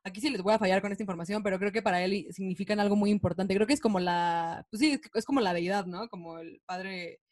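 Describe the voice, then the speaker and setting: A woman's voice: mid-range voice, fast talker, hardly any pauses, darkish tone. A woman with a Mexican accent co-hosts a casual film discussion. She talks in a chatty, slangy storyteller's way and swears freely as she walks through scenes. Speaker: podcast co-host.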